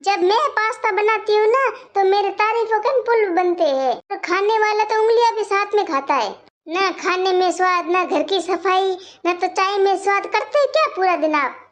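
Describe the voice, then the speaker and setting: Performer doing a shrill, bossy grown daughter, nagging and scolding, comic family skit. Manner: scolding, complaining.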